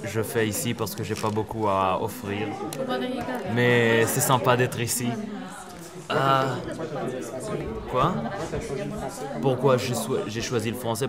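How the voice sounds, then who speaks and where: A young man from Israel, tired, introducing himself in halting French while searching for words. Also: fairly low pitch. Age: young adult. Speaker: student visitor. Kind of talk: casual self-introduction to camera.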